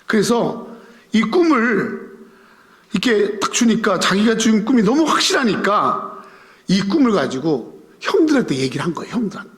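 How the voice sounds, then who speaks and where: A male pastor giving a Sunday sermon, animated, often firing rhetorical questions at the congregation. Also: high-pitched, normal speed. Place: church sanctuary. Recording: reverberant church sanctuary.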